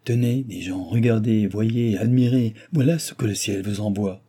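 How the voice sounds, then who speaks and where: Blustering nobleman, emphatic and loud, dark tone, read by a man. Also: fairly low pitch, moderate pace, breathy edge. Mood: hearty. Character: blustering middle-aged nobleman, a vicomte.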